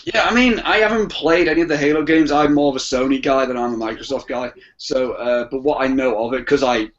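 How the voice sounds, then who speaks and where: Dull, muffled lo-fi audio captures a podcast guest whose mid-range voice moves fairly quickly. In this casual chat he rambles, repeating phrases often as he works through his thinking.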